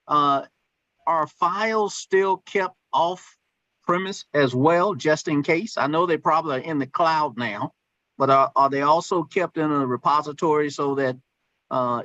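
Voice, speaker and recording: A man's voice: on the high side, sharp tone, no echo. Polite older man asking questions, dull lo-fi sound. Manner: polite, deliberate, says "sir" often. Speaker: board committee member. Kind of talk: asking questions at a public board meeting. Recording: dull, lo-fi pickup.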